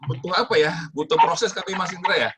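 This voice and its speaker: A man's voice: sits high, animated, fairly quick, very noisy. A male comedian giving casual advice, joking about himself and acting out both sides of old banter with friends. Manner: self-mocking, acts out both sides of quoted banter. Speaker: comedian guest.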